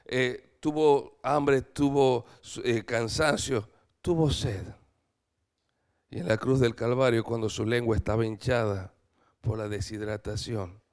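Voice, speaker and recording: A man preaching a church sermon, asking the congregation questions and swinging from loud to hushed. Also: mid-range voice, clear, resonant tone. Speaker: missionary preacher.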